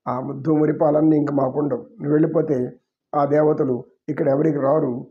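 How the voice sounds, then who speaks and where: A man's voice: on the high side, little pitch movement, brisk. A man giving a devotional story discourse, retelling it in an emotive, dramatic, pleading way. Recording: dull lo-fi recording.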